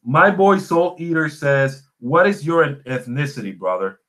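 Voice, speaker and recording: Very animated and a little slow, a man with a slightly high, somewhat bright voice answers live viewer comments in a casual chat. He's a Puerto Rican podcast host and small YouTuber whose first language is Spanish, and his accent shows it. He tells stories with emphasis, repeating phrases for effect.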